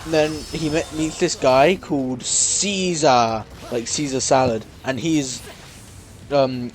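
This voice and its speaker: Taking it slowly in a medium-pitched voice, a man co-hosting a casual podcast rambles through a story recap. He fills it with fillers and restarts and drops into silly quoted voices now and then.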